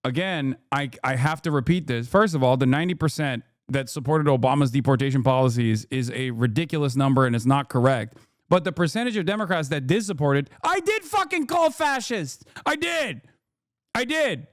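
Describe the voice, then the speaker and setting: A man's voice: mid-range voice, fairly quick, no room sound, clean studio sound. Blunt, profane man ranting on stream. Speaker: streamer reacting to clips. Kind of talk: heated live-stream commentary.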